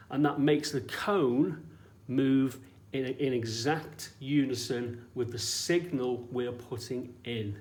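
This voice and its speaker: This man's voice is mid-range and slightly mellow as he teaches a hands-on science demonstration informally, explaining as he goes. Short questions regularly confirm his audience is keeping up. The setting is an echoey indoor room, and faint noise sits in the background.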